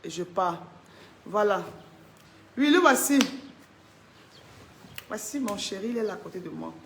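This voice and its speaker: A woman talks straight into her phone on a casual live stream. She greets her viewers one by one and keeps coaxing them to share and send hearts. Her pitch sits in an ordinary middle range. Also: animated, a little slow, gravelly, slight background noise. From Cameroon. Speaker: live-stream host selling wigs. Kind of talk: casual Facebook live chat.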